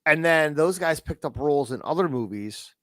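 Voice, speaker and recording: A man co-hosting a podcast, chatting crudely and excitably about a movie and laughing often. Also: fairly high pitch, normal speed, no echo. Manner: profane, excitable, laughs a lot. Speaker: podcast co-host. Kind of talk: crude casual chat.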